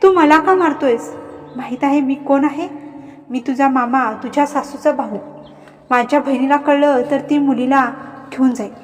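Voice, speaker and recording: A woman's voice: high voice, normal speed, natural voice. Begging male villain, read by a woman. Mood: pleading. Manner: begging, whining. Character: cruel pleading male villain, captive uncle. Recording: reverberant, faint background music.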